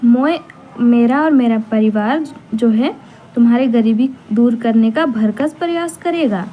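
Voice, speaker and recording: A woman's voice: a little high, a little slow, muffled recording. A woman reading the lines of a rat king who begs a boy to spare him, in a storybook lesson. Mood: pleading. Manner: pleading. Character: pleading rat king begging for his life.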